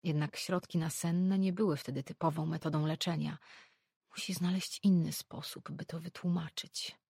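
Gravelly husky woman narrating a novel. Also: deep voice, steady tone, moderate pace, darkish tone, dry recording, studio quality. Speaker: audiobook narrator. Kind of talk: scripted storybook narration.

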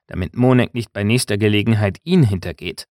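A man's voice: lowish voice, normal speed, fairly bright tone, dry recording, natural voice. Guy doing a scornful young captive in an audiobook, dry close sound. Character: young male prisoner, defiant and scornful.

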